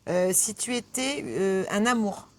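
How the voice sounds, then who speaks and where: A woman's voice: mid-range voice, unhurried. A woman hosting a casual, conversational interview, putting short questions and reacting informally. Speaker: interviewer, host.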